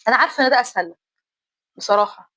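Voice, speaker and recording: Rapid-fire Egyptian woman vlogging. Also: a little high, lively intonation, fairly bright tone, dry recording. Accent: Egyptian Arabic. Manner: blunt and emphatic, full of rhetorical questions. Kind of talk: casual opinion monologue.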